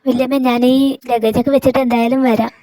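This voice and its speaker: A woman voicing a sharp-tongued young wife who talks back indignantly. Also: level tone, fast talker, no room sound, lightly acted. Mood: flustered. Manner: indignant, cheeky, high-pitched.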